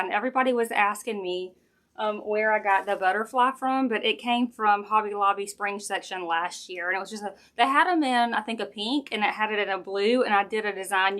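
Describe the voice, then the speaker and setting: A woman's voice: mid-range voice, a bit bright. A woman with a Southern American accent hosts a casual craft livestream from home. She talks in a folksy, chatty way, addressing viewers directly and musing aloud as she works with her hands. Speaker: craft maker hosting a live stream. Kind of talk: casual crafting livestream chat, thinking aloud while working. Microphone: sensitive live-stream camera mic.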